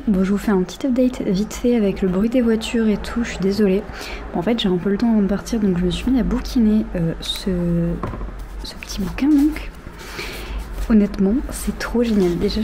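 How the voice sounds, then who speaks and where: A young woman in her twenties chatting casually about books in a vlog, with many fillers and soft, half-whispered asides. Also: mid-range voice, a little hiss or hum. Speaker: vlogger. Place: outdoors near road traffic.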